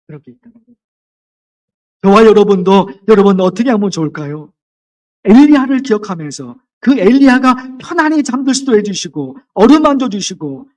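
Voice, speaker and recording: A man preaching a sermon as pastor, earnest, dropping to a gentle voice when quoting. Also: sits high, recorded from a distance. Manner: earnest, softens to a gentle voice for quoted words. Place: church sanctuary.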